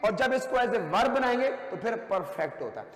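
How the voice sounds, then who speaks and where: A man's voice: extremely high pitch, very animated, normal speed. A man teaching an English grammar lesson to students, repeating key words emphatically and addressing them as children. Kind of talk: classroom lecture at a whiteboard. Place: classroom. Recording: echoey classroom, long reverb.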